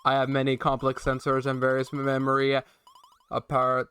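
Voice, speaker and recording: A man's voice: medium pitch, monotone, normal speed, a bit bright, clear, resonant tone, lightly acted. A man voicing a formal talking suitcase. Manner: stiff, formal reading with stumbles.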